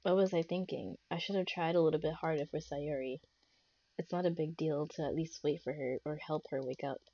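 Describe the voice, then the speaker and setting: A young woman streaming a visual novel, reading its text aloud in a measured voice and breaking into loud reactions. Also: deep voice, fairly even intonation, breathy edge, no echo. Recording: dull lo-fi stream audio with faint game music.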